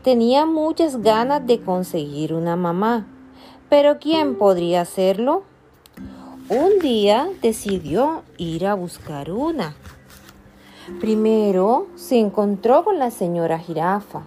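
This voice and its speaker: A woman reading a children's story aloud slowly and expressively, now and then correcting a slip. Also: mid-range voice. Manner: slow, expressive, with slips and self-corrections.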